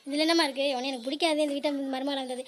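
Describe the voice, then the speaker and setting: Brief: woman playing a gruff cartoon mother-in-law, high, even, fast-talking. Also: a little hiss or hum, natural voice. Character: older mother-in-law, gruff but kindly.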